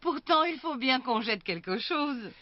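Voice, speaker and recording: A woman's voice: sits high, lively intonation, a little slow, very noisy. A woman voicing a sweet, affectionate old grandmother pig in a French cartoon dub. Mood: brisk, practical. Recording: dull sound under loud music.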